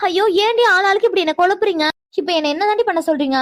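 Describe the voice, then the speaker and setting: A woman voicing an anxious young woman in a cartoon, defensive and quick to exclaim. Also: very high-pitched, dry recording, studio quality. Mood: exasperated. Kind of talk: animated cartoon dialogue.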